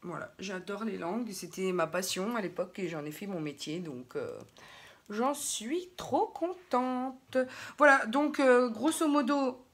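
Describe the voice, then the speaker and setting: Speaking in a mid-range voice with lively intonation and a breathy edge, she takes her time. The young beauty vlogger from France addresses viewers casually through a makeup tutorial, drifting off topic now and then.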